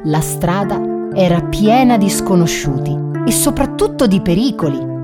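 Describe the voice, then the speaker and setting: A woman narrating a children's storybook in an expressive, animated way. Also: mid-range voice, normal speed. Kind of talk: storybook reading. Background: background music.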